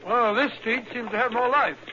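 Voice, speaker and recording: An actor playing Doctor Watson, a bluff, skeptical companion, in an old radio drama, with a blustering, grumbling manner. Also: male voice, very high voice, steady tone, moderate pace. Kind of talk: 1940s radio acting. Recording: muffled old radio broadcast with hiss.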